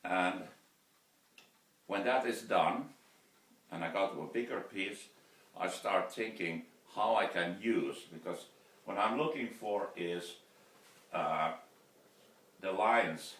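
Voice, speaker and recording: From Finland, this woodturner vlogger in his fifties talks in accented second-language English during a casual workshop vlog. His voice is low-pitched yet fairly bright, and he speaks slowly, halting often, using many fillers and restarting sentences. The camera mic sits several feet off in his cluttered indoor wood shop, so the sound is roomy and distant.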